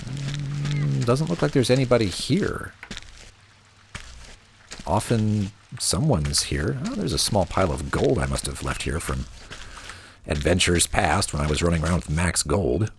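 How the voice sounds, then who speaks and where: Deep-voiced man in relaxed game commentary. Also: measured pace, creaky. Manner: relaxed, wry, thinking aloud. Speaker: let's play host. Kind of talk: casual gameplay commentary. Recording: audible rain noise behind voice.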